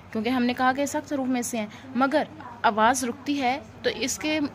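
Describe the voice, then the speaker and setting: A woman's voice: a little high, slight background noise. A woman teaching Quran recitation rules, patiently spelling out letter sounds one at a time and repeating them for drills. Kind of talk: slow, deliberate tajweed lesson with drills.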